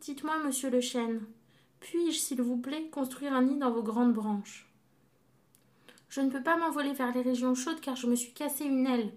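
A woman's voice: high voice, moderate pace, darkish tone, close to an everyday voice. Woman doing a pleading young blackbird. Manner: polite, pleading. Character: pleading young male blackbird with broken wing.

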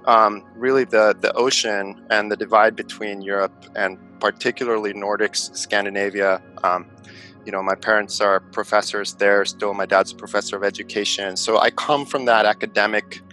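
Middle-aged Finnish-born male investor guest, low bright voice, hesitant and reflective, faint music underneath. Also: fairly even intonation, moderate pace, rough recording. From Finland. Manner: thoughtful, many fillers and restarts. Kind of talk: conversational interview answers.

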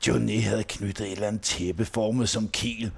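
A man's voice: lowish voice, fairly even intonation, creaky, husky. A man telling comic stories in a slangy, profane way, with casual asides, as a podcast co-host. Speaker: podcast co-host reading a satirical diary.

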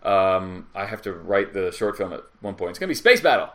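Animated, laughing male storyteller. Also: brisk. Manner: animated storyteller, acts out quotes in high voices, laughs often. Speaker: podcast guest, writer and actor. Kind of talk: casual podcast chat.

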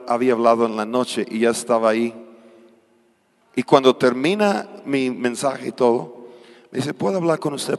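A male pastor preaching a charismatic sermon, surging loud and dropping quiet. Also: mid-range voice. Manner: preaches with sudden loud surges and quiet drops. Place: church hall. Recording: long hall reverb.

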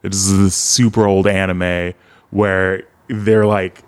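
A man with a fairly low voice jokes loosely through a casual podcast chat. He swears offhandedly and keeps a relaxed, easygoing flow. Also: takes it slowly, clear, resonant tone. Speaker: podcast co-host.

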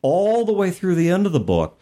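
This podcast host, a middle-aged man, talks emphatically and conversationally about tabletop gaming, frequently ticking off words one at a time for effect. His dark-toned voice sits high, swings hugely in pitch, and moves a little fast.

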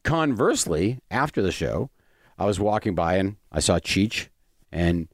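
A man's voice: low-pitched, big pitch swings, unhurried, no room sound, clean studio sound. A man, a stand-up comedian, telling stories in a casual chat, rambling and hesitant with lots of fillers and restarts.

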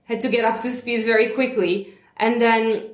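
A woman's voice: a little high, little pitch movement, moderate pace, echoey room. A woman in her thirties from Romania, a guest on an interview podcast, telling her story in a chatty way with frequent laughs. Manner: warm and chatty, laughs often, uses fillers.

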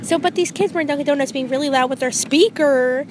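A woman's voice: high voice, fast talker, a crowd in the background. A teenage girl co-hosting a casual podcast, chatty and telling stories, recorded on a phone in the back seat of a car. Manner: chatty, storytelling. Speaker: podcast co-host. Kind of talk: casual chat.

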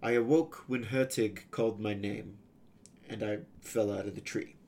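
A man's voice: on the low side, fairly even intonation, normal speed, a little mellow. Man narrating a fantasy adventure. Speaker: storyteller. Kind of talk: first-person scripted narration.

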